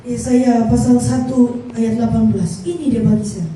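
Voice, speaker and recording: A woman giving a halting, earnest personal testimony at a church service, slowing down to stress her words. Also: fairly high pitch, steady tone, mellow. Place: large echoey church hall. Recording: echoey hall from far off, faint noise.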